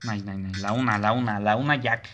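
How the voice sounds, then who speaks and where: A man's voice: lowish voice, steady tone, brisk, sharp tone, a little hiss or hum. Jittery young man playing horror. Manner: nervous, jumpy, swears and yelps. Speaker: gaming streamer. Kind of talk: horror game commentary.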